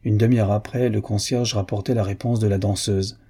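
A man reading a literary novel aloud in a steady, measured narration. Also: lowish voice, breathy edge.

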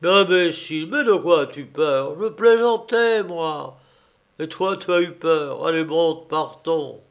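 A man's voice: fairly high pitch, slow pace, muffled recording, voice pushed up. A man voicing a cowardly land surveyor in a storybook reading, blustering and fretful. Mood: anxious. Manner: anxious, fretful muttering.

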